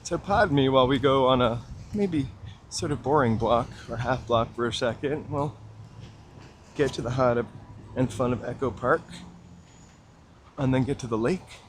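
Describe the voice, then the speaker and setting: A man walking city streets chats casually with live-stream viewers, greeting them by name and pointing out sights. His voice sits at medium pitch with a normal pace and long pauses. A handheld gimbal camera mic picks him up, with slight background noise.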